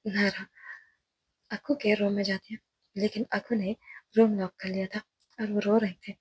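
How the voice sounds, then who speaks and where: A woman's voice: medium pitch, flat delivery, normal speed, a little mellow, breathy edge, no room sound, rough recording. A woman narrating a romance story in a chatty, conversational way, adding her own comments on the characters.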